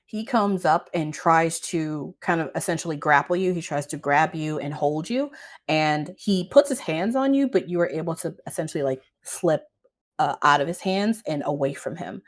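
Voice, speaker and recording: Female tabletop game master, lower register, informal improvised narration.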